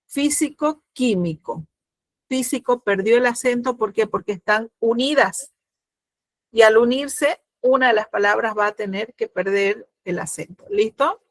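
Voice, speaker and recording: A middle-aged woman teaching a grammar lesson, explaining patiently, often pausing with fillers and checking that students follow. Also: on the high side, dry recording.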